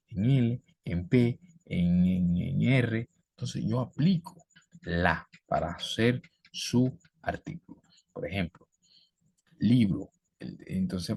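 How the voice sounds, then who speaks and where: A man teaching a language lesson, patiently explaining rules and repeating example words slowly. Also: lowish voice, creaky, a little mellow, slightly rough, no room sound. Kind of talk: classroom-style explanation.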